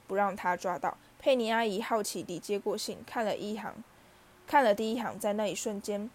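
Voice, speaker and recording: Woman reading a storybook aloud. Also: medium pitch. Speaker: audiobook reader.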